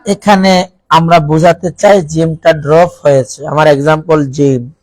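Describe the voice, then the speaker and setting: A man with a Bangladeshi accent teaches a classroom of students, explaining each point and drawing out Arabic words slowly. He often stops to ask the class questions and has them repeat after him. His voice sits a little high and sounds dry and close to the mic. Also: steady tone, darkish tone, no room sound, poor audio. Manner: slow, drawn-out recitation of Arabic words as examples. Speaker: Quran recitation teacher. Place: college classroom.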